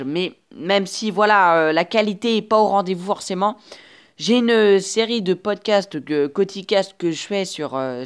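A woman hosts a casual solo podcast, speaking directly to her listener with chatty encouragement. Her talk stops and restarts, full of filler sounds. She records on a simple earphone microphone. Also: medium pitch. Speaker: podcast host. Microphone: earphone headset mic.

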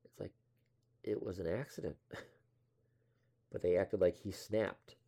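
A man's voice: sits low, fairly even intonation, a little slow, creaky, mellow. A young man casually telling a rambling story from his past, offhand and self-deprecating, swearing now and then.

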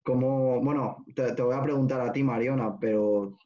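A man hosting a casual chat, relaxed, swearing casually with many restarts. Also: medium pitch, normal speed. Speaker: host. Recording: dull lo-fi sound.

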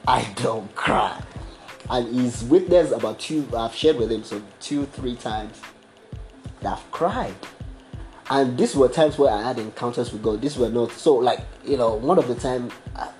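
A man's voice: medium pitch, darkish tone. A young man sharing a personal faith testimony in casual, slangy talk full of fillers and restarts. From abroad, studied as international student. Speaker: podcast guest sharing testimony.

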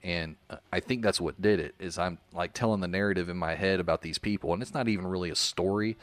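A man's voice: deep voice, quick pace, fairly bright tone, no echo. A man with an Arkansas country Southern accent, chatting casually and telling rambling, self-deprecating stories as a podcast co-host. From Arkansas, United States. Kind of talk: casual conversational storytelling.

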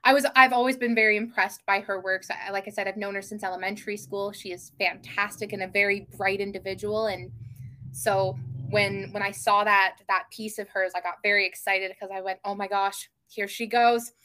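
Young woman podcast guest, bright tone, eager, lots of ums. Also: medium pitch, level tone, a little fast. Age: young adult. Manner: enthusiastic, many ums and restarts. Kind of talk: casual podcast chat.

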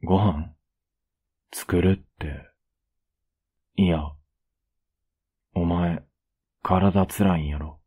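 A young man with a Kansai accent speaks in a whispered role-play, blunt and a little rough-spoken but gentle underneath. His voice is dark and mellow, with a husky, breathy edge. He talks slowly and stays close to the mic. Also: low voice, steady tone. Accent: Kansai Japanese. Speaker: voice actor playing a boyfriend.

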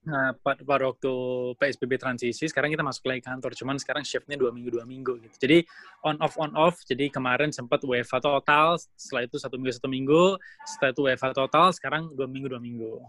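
A young adult man from Indonesia, a guest in a casual interview, explains things at length with many fillers and restarts. His mid-range voice is fast, steady in tone and sharp, with no room sound.

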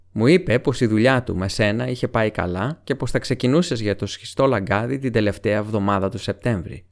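A man voicing Strider, a grave, weathered ranger who speaks in a calm, guarded way, in an audiobook reading. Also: on the low side.

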